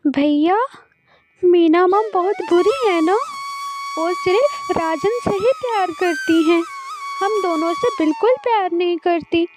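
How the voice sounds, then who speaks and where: A woman voicing a meek little girl who pleads softly. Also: very high-pitched, big pitch swings, measured pace, over music, pitched above the performer's own voice, full character voice. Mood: sad. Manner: pleading, timid.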